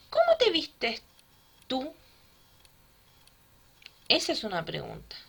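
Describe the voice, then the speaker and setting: A woman teaching a grammar lesson to children, patient and often checking with a quick "¿ya?". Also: on the high side, a bit bright.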